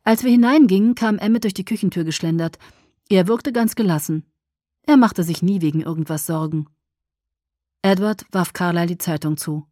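A woman reading a novel aloud as audiobook narrator, in even storytelling narration. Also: lowish voice, normal speed, dry recording, clean studio sound. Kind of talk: scripted narration.

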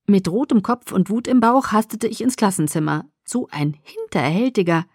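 A woman reading a first-person novel aloud as an audiobook, in a gentle, expressive, intimate way. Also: mid-range voice, normal speed, husky, no room sound, studio quality. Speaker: audiobook reader.

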